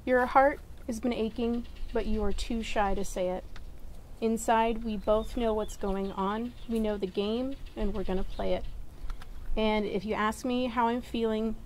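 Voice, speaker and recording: A woman, a bride, saying her wedding vows in short, measured phrases, a little away from the microphone. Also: fairly high pitch, fairly even intonation, a little mellow. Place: live wedding ceremony, some distance from mic. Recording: noisy ambient recording, distant mic.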